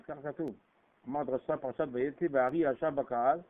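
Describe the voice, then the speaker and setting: A man giving a storytelling sermon on Torah, animated and acting out the people in his stories. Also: mid-range voice. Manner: animated, acts out voices, rising shouts. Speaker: Torah preacher. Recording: tinny phone-like radio broadcast.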